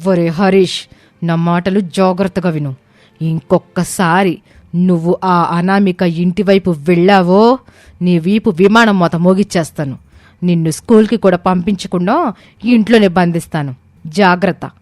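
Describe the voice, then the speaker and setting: A woman voicing a proud, quick-tempered wealthy young mother who scolds and shouts in a storybook. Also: mid-range voice, no room sound, soft background music, lightly acted. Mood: furious. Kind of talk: storybook character voice.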